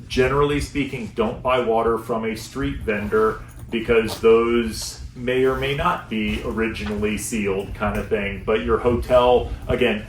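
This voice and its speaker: Chatty man teaching packing in a store. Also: fairly low pitch. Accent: American. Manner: relaxed, chatty storyteller. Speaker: luggage store packing instructor. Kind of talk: live in-store seminar talk. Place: store showroom with audience. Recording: echoey room, mic at a distance, faint noise.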